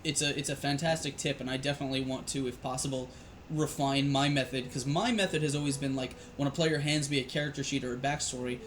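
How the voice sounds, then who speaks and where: A man's voice: mid-range voice, fairly even intonation, fast, slight background noise. A man, a dungeon master, chatting casually on a live show, rambling with frequent restarts and fillers.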